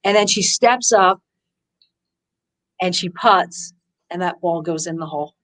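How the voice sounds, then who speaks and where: A woman's voice: fairly low pitch, measured pace, rough recording. A woman golf teacher, a guest in an interview, telling stories with enthusiasm and acting out what people said. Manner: enthusiastic, acts out quotes with lively voices; frequent restarts, "you know". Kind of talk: conversational interview storytelling.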